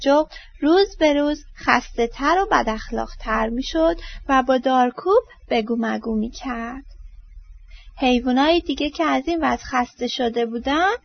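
Gravelly-voiced woman reading a children's story. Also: high-pitched. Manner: expressive, dropping soft at line ends. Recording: dull lo-fi dry recording.

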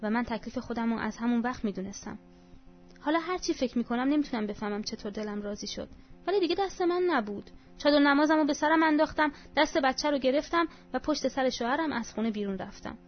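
A woman's voice: high voice, expressive. A woman reading a first-person story aloud in an emotional, confessional way. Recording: dull sound with faint background music.

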